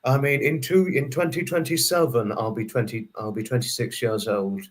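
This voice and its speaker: A twenty-something man hosts a casual livestream at a moderate pace, his medium-pitched voice holding a steady tone. Friendly and rambling, he replies to viewers by name and starts his number sums over aloud.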